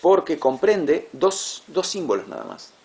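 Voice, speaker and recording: A man teaching a class, patient and repetitive, checking understanding with quick questions. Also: on the high side, very animated, dark tone. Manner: patient, repeats words, asks "¿sí?" to check. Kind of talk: classroom lecture.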